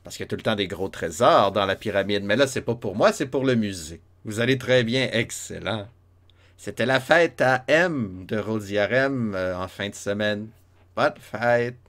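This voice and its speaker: With a lowish, a bit bright voice at normal speed, this man keeps up animated, casual commentary on a retro role-playing game. He has a Quebec French accent, laughs a lot, and talks directly to his chat during the let's-play.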